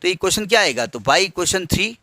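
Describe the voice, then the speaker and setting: A man's voice: high-pitched, expressive, normal speed, sharp tone, dry recording. A man teaching a maths lesson step by step, patiently asking students questions as he works. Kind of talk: blackboard maths lecture.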